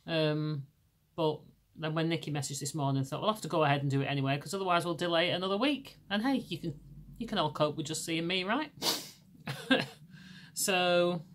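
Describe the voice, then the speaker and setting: A middle-aged Lancashire woman from England hosts a laid-back podcast chat, talking fairly quickly. She has a naturally deep voice that's still rough from laryngitis, and she rambles, restarting many times.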